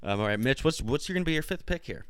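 A young man hosting a podcast, chatting casually and enthusiastically with quick asides and the odd swear. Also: mid-range voice, expressive, smooth, no echo. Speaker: podcast host. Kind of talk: casual chat.

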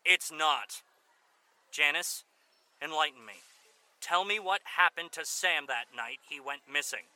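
Audio drama: insistent male detective actor, bewildered and hurt, lively intonation, very forceful bright tone. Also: fairly high pitch, measured pace, full character voice. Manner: questioning, insistent. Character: bewildered, betrayed police detective husband.

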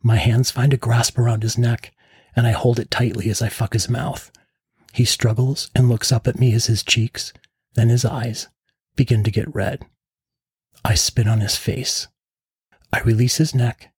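A man reading a first-person story in a calm, low-key narration as a podcast host. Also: slightly rough, no room sound, clean studio sound.

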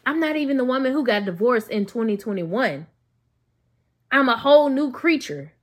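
A woman's voice: fairly high pitch, lively intonation, normal speed. A woman, talking earnestly and casually about faith and healing as a podcast host, often restarting her sentences. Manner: earnest, addresses listeners as "y'all", many restarts. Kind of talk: faith-based personal talk.

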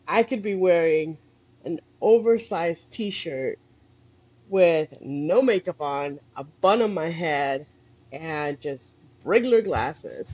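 A woman co-hosting a casual podcast chat, stuffy with allergies, animated and expressive. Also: deep voice, breathy edge, dry recording. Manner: animated, expressive, drawn-out affirmations. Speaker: podcast co-host, eyewear professional. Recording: dull dry lo-fi mic.

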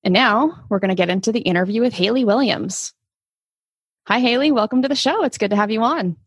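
A woman's voice: a little high, fairly quick, husky, no echo, clean studio sound. A woman hosting a podcast, presenting in a conversational way. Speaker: podcast host.

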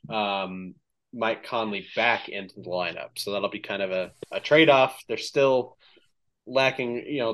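Recorded with lo-fi sound, a man with a fairly low voice hosts a casual sports podcast. His recap of game stats is relaxed and filled with ums, and his voice is a little worn from slightly losing it.

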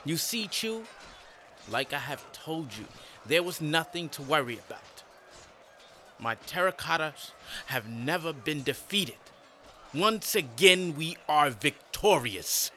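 A man's voice: mid-range voice, lively intonation, a little slow, bright, forceful tone, slight background noise. A man voicing an angry, proud emperor who scolds and gives commands. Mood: boastful.

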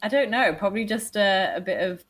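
A woman's voice: mid-range voice, a little fast. Giggly, unsure woman guest. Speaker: podcast guest. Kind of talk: casual chat.

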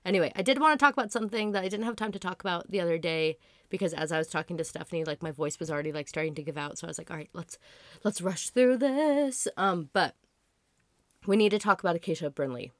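A woman in her twenties hosting a podcast in a casual solo chat, hoarse from being sick, rambling and chatty with lots of "like" fillers. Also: lowish voice, rapid-fire, fairly bright tone, no room sound. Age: 20s. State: hoarse from illness. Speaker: podcast host.

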